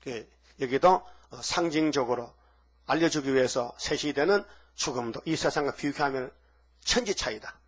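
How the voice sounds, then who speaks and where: A man with a husky voice preaching a sermon emphatically, firing off rhetorical questions at the congregation. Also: mid-range voice, moderate pace. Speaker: pastor.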